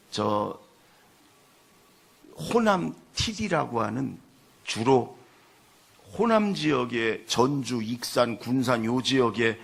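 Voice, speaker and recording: Man, pastor, gravelly, husky, sermon, soft-to-loud storytelling. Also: mid-range voice.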